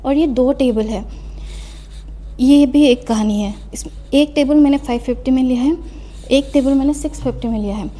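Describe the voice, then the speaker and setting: This high-pitched, warm voice belongs to a young woman student giving a casual desk tour as she tidies her desk in her study room at home. She talks at normal speed, chatty and self-mocking, drops in English phrases and is a bit out of breath. Slight background noise is present.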